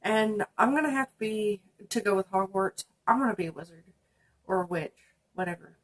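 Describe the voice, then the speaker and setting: A young woman with a sinus-blocked voice films a casual book tag for her channel, speaking at normal speed and medium pitch. She's chatty, reads out the prompts, and fills her talk with lots of ums.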